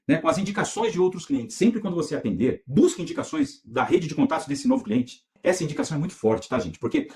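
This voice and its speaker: A middle-aged Brazilian man teaching an online course lesson, emphatic and energetic, with frequent rhetorical questions. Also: high-pitched. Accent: Brazilian Portuguese. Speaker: real estate sales instructor.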